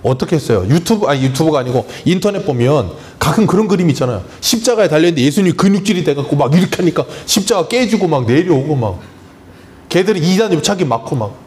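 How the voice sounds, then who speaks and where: A man's voice: a little high, lively intonation, fast, darkish tone. A man preaching a Sunday sermon as pastor, emphatic and full of rhetorical questions to the congregation. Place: church sanctuary.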